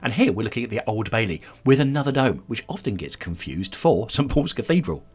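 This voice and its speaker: A man's voice: fairly low pitch, very animated, a little fast, slightly rough. A man narrating a travel vlog as a tour guide, chatty and speaking directly to the viewer. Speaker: tour guide and video host.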